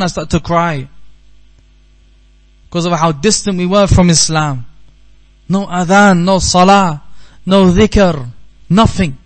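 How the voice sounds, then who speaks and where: Earnest British man preaching, high-pitched. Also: low-quality recording. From United Kingdom. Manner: earnest storytelling, repeats key phrases for emphasis. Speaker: Islamic teacher. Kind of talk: Q&A talk after a religious lesson. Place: seminar hall.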